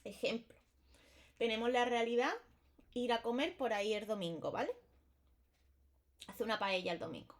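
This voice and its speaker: A woman's voice: on the high side, normal speed, long pauses. Chatty woman teaching grammar. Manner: chatty, explains with repeated examples and checks with "vale". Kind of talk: casual exam-prep lesson.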